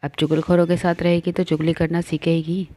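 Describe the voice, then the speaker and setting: A woman's voice: fairly low pitch, level tone, a little fast, mellow, close to an everyday voice. A woman voicing a playful middle-aged male doctor who teases his wife, in an offhand way.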